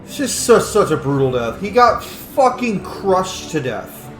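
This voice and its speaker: A video game streamer talks through his gameplay in a casual, opinionated, rambling way, swearing plenty. His voice is high-pitched and very animated, though his pace stays measured. Faint music plays behind him, and the recording has a roomy echo with faint noise.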